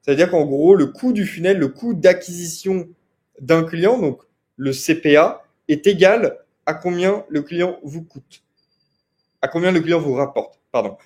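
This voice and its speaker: A man with a fairly high voice delivers an online course lecture. His explanations are casual and explanatory. He repeats key terms and keeps checking in with his viewers. Fillers and quick self-corrections run through his talk. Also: a little mellow. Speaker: marketing trainer.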